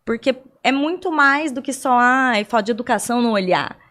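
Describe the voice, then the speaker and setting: A woman's voice: a little high, lively intonation, normal speed, a bit bright. A young adult woman from Brazil, a guest on a podcast interview, explaining things at length with rhetorical questions and everyday examples.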